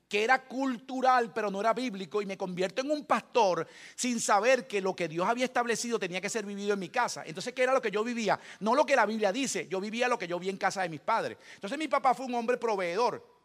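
A man's voice: high-pitched, a bit bright. A middle-aged man, preaching a sermon with humorous family stories and acted-out quotes. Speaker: pastor.

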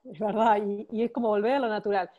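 A woman's voice: mid-range voice, fairly even intonation, fast, narrow, tinny audio. A woman in her forties from Argentina, with a Buenos Aires accent, telling stories as a podcast guest, with hesitant repeats. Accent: Buenos Aires Spanish. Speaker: guest, cosmetics expert. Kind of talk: casual podcast interview.

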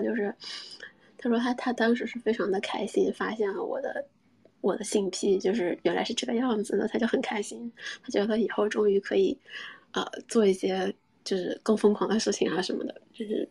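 Young woman telling her own story, husky and a bit gravelly, soft half-whisper, lots of restarts. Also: mid-range voice. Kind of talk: intimate personal storytelling.

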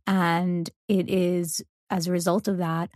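A woman hosting a casual podcast conversation, explaining ideas in a thoughtful, measured way. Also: on the low side, level tone, darkish tone, no room sound, clean studio sound. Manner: thoughtful, explanatory, frequent listening murmurs. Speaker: podcast host.

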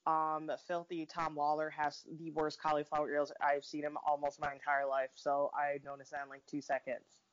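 A woman's voice: sits low, monotone, moderate pace, hardly any pauses. A woman chatting casually as a podcast co-host, sounding tired and worn out, with a blunt, dry way of talking. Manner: weary, exhausted-sounding delivery. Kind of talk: casual chat. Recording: dull, lo-fi audio.

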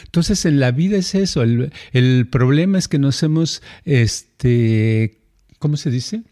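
A middle-aged man with a Mexican accent, a podcast co-host telling stories in a casual, animated way and acting out the voices he quotes. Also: medium pitch, slow. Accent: Mexican Spanish. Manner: animated, acts out quoted voices, frequent fillers. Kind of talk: casual conversational storytelling.

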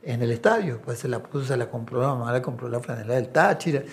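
A man's voice: medium pitch, fast talker. A middle-aged man, an assistant coach, telling anecdotes in a casual interview and acting out the voices of people he quotes. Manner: animated storyteller who acts out quoted voices. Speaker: assistant coach and video analyst.

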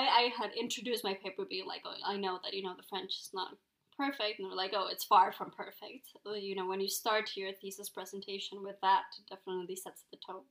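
Recorded with poor audio, this young woman from Ecuador has a mid-range, slightly bright voice with vocal fry. A native Spanish speaker, she is a guest in a relaxed interview, answering thoughtfully and peppering her speech with "um" and "like."

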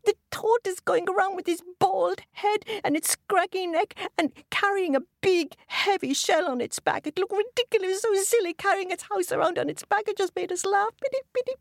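A woman doing squeaky, stammering little frogs. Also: normal speed, creaky, hardly any pauses, no echo, studio quality. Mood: nervous. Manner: high, stammering and pleading.

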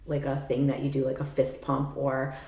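A woman co-hosting a podcast in casual chat, talking fast and loose with lots of "like" and easy laughs. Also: very deep voice, monotone, vocal fry, dark tone, echoey room. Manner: chatty, says "like" a lot, laughs easily. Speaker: podcast co-host.

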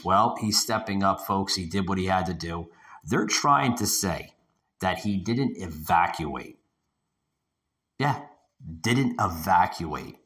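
A very deep-voiced man hosts his podcast from an echoey spare room, and his voice echoes around it. He rambles, repeats himself and swears casually as he rants. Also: fairly bright tone. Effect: echoing room sound. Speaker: podcast host. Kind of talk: casual ranting podcast monologue. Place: echoey room not normally used for podcasting. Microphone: home podcast setup over internet connection.

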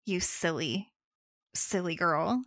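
A woman's voice: fairly low pitch, takes it slowly, a bit bright, no echo. A woman voicing a dismissive old male sea god, lecturing, dry storytelling sound. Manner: dismissive, matter-of-fact.

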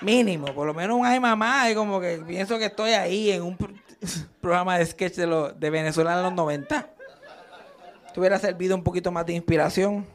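This is a brisk, high-voiced young man on a comedy stage at a live show. He performs stand-up full of crude tales, bringing them to life by acting out the lines he quotes.

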